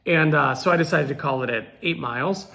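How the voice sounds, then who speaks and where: A man chatting to camera in a casual, conversational vlog style, relaxed and not exerting himself. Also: on the high side, fairly quick, creaky, no room sound. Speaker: running vlogger.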